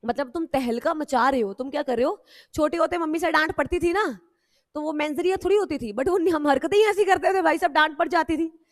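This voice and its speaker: A woman law teacher, lecturing a class in a loud, animated way, teasing her students and mixing with English. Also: high voice, a little fast, dry recording, clean studio sound.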